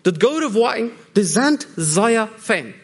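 A male preacher with a high-pitched voice delivers a sermon. He hammers home key phrases by repeating them and breaks off mid-sentence while he searches for the right words. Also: sing-song, slow, husky.

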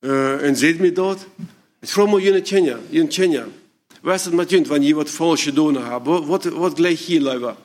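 Halting man asking his audience questions. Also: on the high side, a little mellow. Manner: halting, searching for words, asks the audience questions. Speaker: speaker addressing parents. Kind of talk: informal talk to an audience.

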